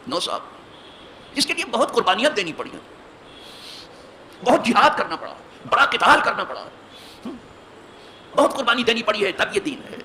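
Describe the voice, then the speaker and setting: Forceful imam preaching. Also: male voice, very high-pitched, big pitch swings, long pauses, slight background noise. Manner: emphatic, rhetorical questions, rising to forceful peaks. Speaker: mosque imam giving hadith lesson. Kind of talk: Urdu hadith sermon. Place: mosque, seated at the pulpit.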